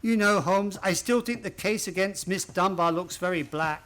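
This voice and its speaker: A man playing an earnest gentleman doctor and detective's companion in a radio play, with an old-fashioned manner. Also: high-pitched, moderate pace. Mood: puzzled, astonished.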